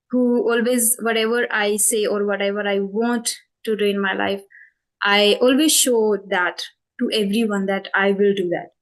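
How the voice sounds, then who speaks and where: A woman in her twenties with an Indian English accent speaks in a mid-range voice over poor audio. She hosts a spoken English channel and answers interview questions about it thoughtfully, with many fillers and self-corrections.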